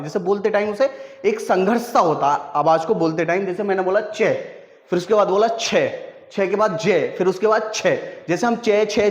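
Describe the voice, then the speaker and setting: A male teacher giving a classroom lesson, who keeps asking his students questions and then answering them himself. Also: sits high. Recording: echoey room, dull lo-fi sound.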